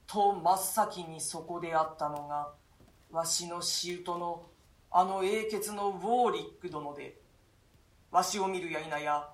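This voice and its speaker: In solemn, archaic storytelling laced with fearful gasps, a voice actor plays a grave duke imprisoned and haunted by a nightmare, part of a radio reading of a classic stage play. The mid-range voice is unhurried and near to a natural speaking voice, with reverberant acoustics.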